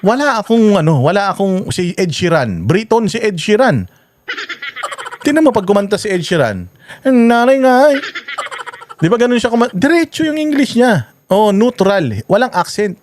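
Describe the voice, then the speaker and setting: A man's voice: sits high, normal speed, slight background noise. A man in his forties giving a profane, mocking reaction commentary, ranting and scoffing as he talks. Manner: mocking, heavy swearing, animated ranting. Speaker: reaction vlogger.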